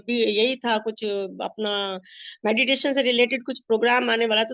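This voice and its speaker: A woman's voice: a little high, no room sound. A middle-aged woman from India, a meditation master, sharing a personal testimony and acting out the dialogue in her story. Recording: dull lo-fi sound.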